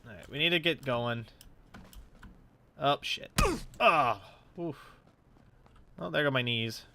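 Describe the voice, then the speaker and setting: A gaming YouTuber takes it slowly, his medium-pitched voice sharp-toned with vocal fry, and slight background noise is audible. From his room at home, stuffy-nosed, he offers casual, swear-filled let's play commentary while thinking aloud.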